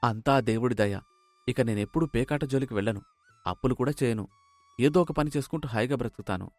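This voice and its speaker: A humbled young husband, as a narrator puts him on, chastened and resolute in a storybook. The sound is dry and close with light music. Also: male voice, mid-range voice, brisk, darkish tone, no echo, lightly acted. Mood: resolved. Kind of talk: storybook voice acting.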